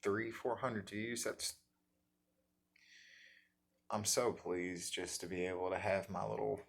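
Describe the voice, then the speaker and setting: A man with an Appalachian accent chatting casually in a folksy, halting, self-deprecating way, as the host of a guitar vlog. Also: fairly low pitch, fairly even intonation, creaky. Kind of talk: casual rambling chat.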